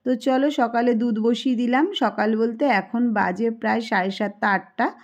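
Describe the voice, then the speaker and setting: A woman's voice: fairly high pitch, steady tone, normal speed. Chatty woman vlogging household chores. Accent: Kolkata Bengali. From Kolkata, India. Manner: chatty, homely, running commentary on chores. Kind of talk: casual home vlog narration. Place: home, indoors.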